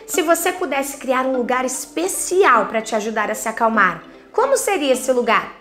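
Woman reading as a gentle Brazilian mom. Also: sits high, very animated, moderate pace, soft background music. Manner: gentle, soothing questions. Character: calm, patient, caring mother.

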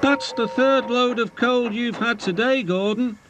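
A man's voice: very high voice, measured pace, music in the background, voice pushed up. A man voicing a cheeky male engine with a mocking, teasing way of talking.

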